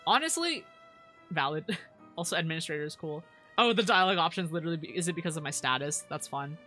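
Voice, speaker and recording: Bright, stammering young-sounding woman streamer, cute anime style. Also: deep voice, animated, fast talker, soft background music. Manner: stammering, repeats words. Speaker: live streamer, VTuber. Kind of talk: casual livestream chat over a game, reading viewer comments.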